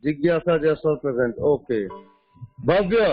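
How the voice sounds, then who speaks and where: A man's voice: a little high, expressive, moderate pace, faint music behind. A man teaching a math class online and taking attendance, mixing Hindi and English and calling students "beta". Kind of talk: online class lecture and roll call. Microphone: video call. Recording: muffled lo-fi online call audio.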